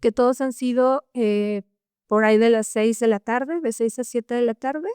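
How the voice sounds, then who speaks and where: Young woman, podcast guest; earnest casual storyteller, smooth resonant tone, dry close mic. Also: a little high, normal speed, warm tone, no room sound. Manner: earnest, tags lines with a questioning "no?".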